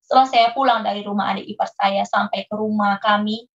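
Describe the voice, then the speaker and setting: A woman's voice: mid-range voice, fairly even intonation, brisk, a bit bright. A woman being interviewed, earnestly telling a painful personal story and acting out her past conversations. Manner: earnest, re-enacting her own past dialogue. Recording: muffled lo-fi recording.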